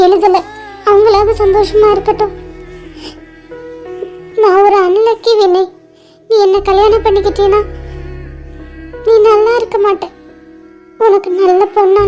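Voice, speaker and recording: A very high, thin voice from a woman playing a heartbroken elder sister and bride-to-be, soft-spoken and resigned. She speaks in a flat, even line with little lift or fall. Faint music plays underneath this home-made audio drama. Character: sorrowful young bride-to-be, gentle elder sister.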